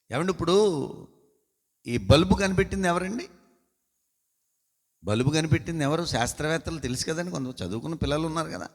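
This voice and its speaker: A man's voice: high-pitched, pushed and bright. A man preaching a sermon as pastor, questioning the congregation and calling for responses in a church hall. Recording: long hall reverb.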